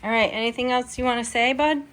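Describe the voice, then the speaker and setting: A woman's voice: on the high side, steady tone, quick pace, fairly bright tone. A young adult woman hosting a home video, chatting casually with a child.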